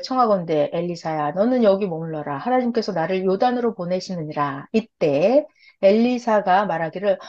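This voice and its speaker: A woman preacher retelling a Bible story in a sermon and acting out the characters' lines. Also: mid-range voice. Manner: acts out the characters' lines in lively voices. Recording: dull lo-fi recording.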